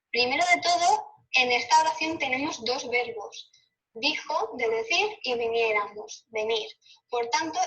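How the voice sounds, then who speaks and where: Bright-toned Spanish woman teaching grammar. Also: on the high side, far from the mic, highs cut off. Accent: Spain Spanish. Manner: clear explanatory delivery, rhetorical questions. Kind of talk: recorded grammar lesson.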